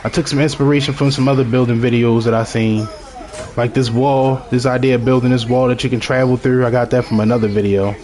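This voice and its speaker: A man from Baltimore, Maryland, with a strong local accent rambles casually to viewers while narrating his own video game session. His mid-range voice is a little mellow, with little pitch movement, and he talks fast.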